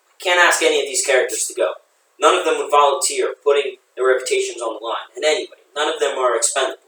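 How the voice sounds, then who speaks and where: A man's voice: medium pitch, sharp tone, slight background noise, natural voice. A man voicing a cynical male politician who speaks bluntly and wryly. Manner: blunt, wry. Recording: echoey room, voice from a distance.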